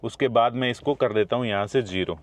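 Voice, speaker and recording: A man's voice: medium pitch, fairly quick. A man casually reviewing a new car, talking straight to his viewers as friends, partly from behind the wheel. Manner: chatty, addresses viewers directly as friends. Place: in and around a car, partly while driving.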